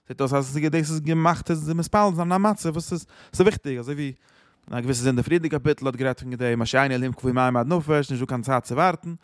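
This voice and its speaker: A man's voice: medium pitch, fast, dry recording, studio quality. A man explaining a psalm chapter, quoting verses and translating them with many restarts. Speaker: Torah teacher.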